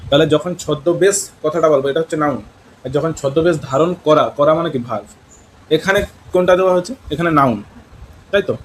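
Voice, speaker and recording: Speaking quickly in a higher-pitched voice, a West Bengal man teaches English in Bengali, with his regional accent, mixed-in English words, and questions for his students. The low-quality recording carries a little hiss or hum.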